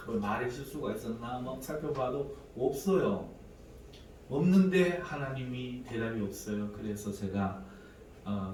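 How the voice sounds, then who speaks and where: A man's voice: medium pitch, a little hiss or hum. Echoey preacher man in his forties. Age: 40s. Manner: dramatic storytelling, acting out prayers and quoted voices. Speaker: pastor. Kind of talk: sermon with personal testimony. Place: church sanctuary. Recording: echoey church hall, mic at a distance, faint room ambience.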